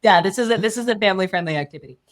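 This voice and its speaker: A woman public speaking coach on a podcast, talking in an expressive, animated way and shifting her tone often. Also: medium pitch, very fast, slight background noise.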